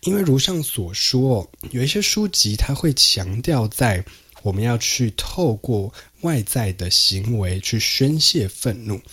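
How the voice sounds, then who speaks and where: This solo podcast host has a mid-range, fairly bright, breathy voice with big pitch swings, and he speaks a little slowly. He chats through a research summary with many fillers and some English words mixed in.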